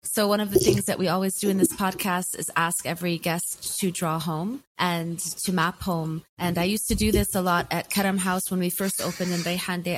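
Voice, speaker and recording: Low-voiced woman podcast host. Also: slight background noise. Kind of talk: warm interview conversation.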